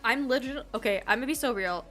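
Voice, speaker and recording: A young woman game streamer chats casually and slangily with viewers while she plays, her voice slightly nasal and congested. She talks fast at a fairly high pitch with a fairly bright tone, and faint music plays behind her.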